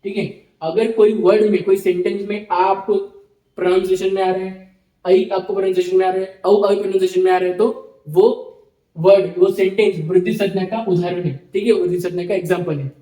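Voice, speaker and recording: High-pitched male teacher, roomy echo. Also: little pitch movement, fairly quick, dark tone. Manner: explains step by step, repeats terms, checks in with "ठीक है". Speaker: Sanskrit teacher. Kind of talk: online lecture.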